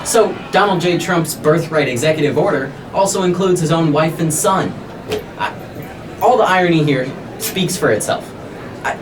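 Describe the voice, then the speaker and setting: A man presenting scripted political satire like a parody news anchor, with a sarcastic delivery full of rhetorical questions. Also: a little high. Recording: noisy, distant microphone with room ambience.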